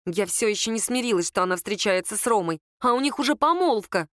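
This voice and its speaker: A woman's voice: medium pitch, lively intonation, fast, fairly bright tone, no room sound, studio quality, close to an everyday voice. A woman doing a sulky self-pitying young woman. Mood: despairing. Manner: sulky, complaining, sarcastic.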